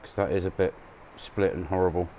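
A man's voice: low-pitched, fairly even intonation, brisk, dark tone, a little hiss or hum. A man helping fix a car, giving short practical replies and laughing easily as he works. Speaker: co-mechanic. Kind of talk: casual workshop chat. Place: garage workshop.

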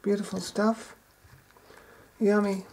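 A woman's voice: mid-range voice, level tone, slow, dark tone, a little hiss or hum. A woman talking in a casual cooking vlog in a shearing shed kitchen, chatty and enthusiastic, savoring each taste aloud. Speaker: home gardener and cook.

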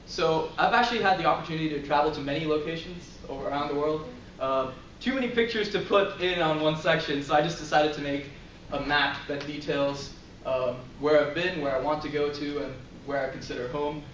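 A young adult man, a student, gives a casual presentation about himself in a lecture room in front of a projector screen, full of ums and light chuckles. His voice sits on the high side with a fairly bright tone, and he talks a little fast with hardly any pauses. The far camera captures roomy, distant audio with slight background noise.

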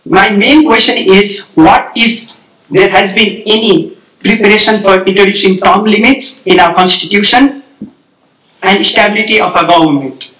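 High-voiced man with a pointed question. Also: fairly even intonation, moderate pace, fairly bright tone, distant mic. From Nepal. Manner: earnest and pointed. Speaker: student asking a question. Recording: echoey hall, voice from off-mic.

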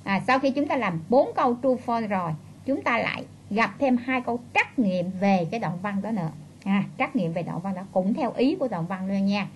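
A woman teacher, reviewing for an exam and repeating key phrases, reading English instructions slowly. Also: medium pitch, expressive, slight background noise, low-quality recording.

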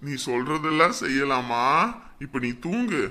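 Husband, firm reassuring manner, very bright tone. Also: male voice, mid-range voice, animated, a little slow. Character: steady village husband calming his wife. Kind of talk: village web-series drama.

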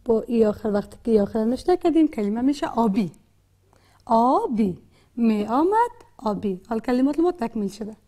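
A woman with an Afghan Dari accent leads a patient literacy lesson, slowly sounding out and repeating words. Her voice sits high in pitch but has a dark, mellow tone. She pauses often with soft hesitation sounds. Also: expressive. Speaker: literacy teacher. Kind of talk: classroom lesson.

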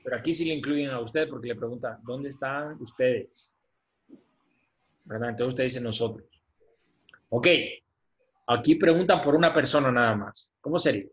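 Patient male teacher on a video call. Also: medium pitch. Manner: patient, repeats words slowly for pronunciation. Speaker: English teacher. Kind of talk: online class, teaching English in Spanish. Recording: dull lo-fi video-call audio.

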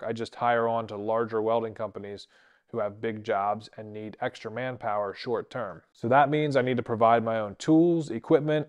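A man in his thirties walks through his workshop explaining his welding gear in a plain, practical way. His voice is smooth and clear, sitting at a middle pitch, and it is picked up by a handheld camera mic as he moves around the shop. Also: darkish tone. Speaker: traveling TIG welder and channel host. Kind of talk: shop tool-tour walkthrough. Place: indoor workshop.

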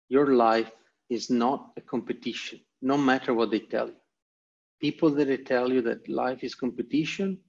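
His medium-pitched voice is creaky with a breathy edge. He's an Italian man from Italy with an Italian accent, a guest presenter hammering home a motivational online lecture in short, emphatic, repeated phrases, heard through dull, lo-fi video call audio.

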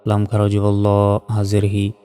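A man's voice: on the low side, completely flat delivery, a little slow, dark tone, big-room sound, faint music behind. A man teaching Quran reading, spelling each letter and syllable aloud and then chanting the joined word.

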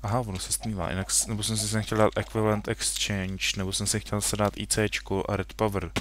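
A man's voice: on the low side, flat delivery, a bit bright, a little hiss or hum. Young man rambling through gameplay commentary. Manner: rambling, self-correcting, jokey asides to the game. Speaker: gaming video host. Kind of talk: casual Minecraft let's play commentary.

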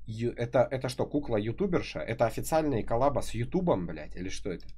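Husky young man reacting on stream. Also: mid-range voice, expressive, fast talker, dark tone. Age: 20s. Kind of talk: casual profane live reaction chat. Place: small room at a streaming desk.

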